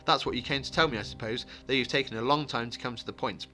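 A man's voice: mid-range voice, quick pace, bright, forceful tone, lightly acted. A man voicing an earnest, polite hobbit traveller in a fantasy audiobook, direct and pressing in manner. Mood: impatient. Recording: music behind the voice.

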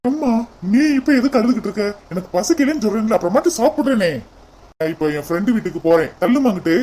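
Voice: medium pitch, sing-song, racing, warm tone, poor audio. A woman voicing a brooding, lovesick young man. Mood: irritable. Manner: brooding, irritable. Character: troubled, lovesick young man, a stubborn son.

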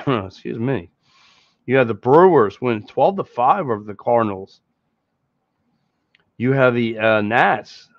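Expressive yet unhurried, with long pauses, this mid-range voice belongs to a Philadelphia-accented podcast host in his thirties. He rambles through a casual postgame sports show, often repeating and restarting. He's on a headset mic in a small green-screen room, recorded dull, lo-fi and dry.

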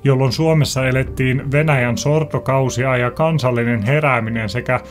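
Young guy reading a scripted explainer, calm and clear, average pitch, talks straight to viewers. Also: faint music behind. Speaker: educational video host. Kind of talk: scripted informative narration.

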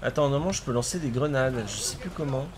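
A man's voice: mid-range voice, fast talker, background noise. A man streaming a video game with his cousin, chatting casually, exclaiming at the action and laughing often. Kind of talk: casual gaming commentary.

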